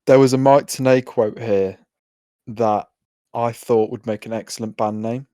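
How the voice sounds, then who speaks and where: A man's voice: mid-range voice, fairly even intonation, measured pace, dark tone, no room sound, studio quality. A man co-hosting a podcast, chatting casually with enthusiasm and frequent laughter. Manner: enthusiastic, laughs often, jokes. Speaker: podcast co-host. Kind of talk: casual recap chat.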